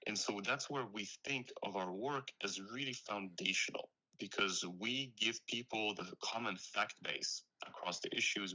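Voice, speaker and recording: A man's voice: fairly low pitch, bright, forceful tone, rough recording. A young man from Ukraine, a startup founder being interviewed, explaining his work earnestly with frequent "you know"s. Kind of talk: conversational interview.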